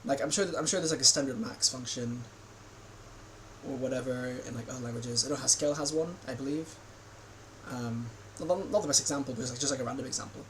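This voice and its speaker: A man's voice: medium pitch, fast, a bit bright, slight background noise, low-quality recording. A man giving casual reaction commentary while watching a video, rambling with many fillers and restarts.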